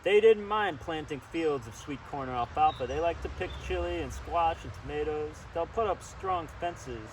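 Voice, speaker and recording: Outdoors by a river, a man with a slightly high voice reads a storybook aloud at normal speed with few pauses, chatting informally and wandering into his own comments. The mic is distant, picking up steady background noise.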